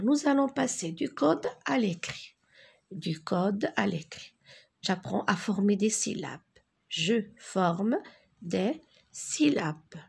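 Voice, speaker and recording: A woman's voice: mid-range voice, creaky, slightly rough. A woman teaching a beginners' French reading lesson, carefully spelling out letters and syllables, with Arabic as her first language.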